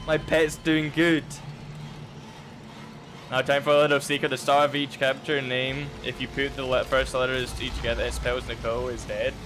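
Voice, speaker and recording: Crude, excitable male game streamer. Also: mid-range voice, moderate pace, noisy background. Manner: crude, excitable and goofy, with loud outbursts. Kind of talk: casual gaming commentary.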